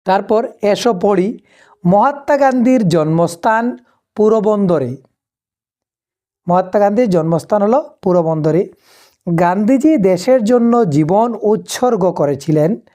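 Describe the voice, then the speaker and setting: Woman teacher with an Assamese Bengali accent, patient, unhurried, soft mellow tone. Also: medium pitch, animated. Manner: patient, spells out conjunct letters slowly. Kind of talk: textbook lesson.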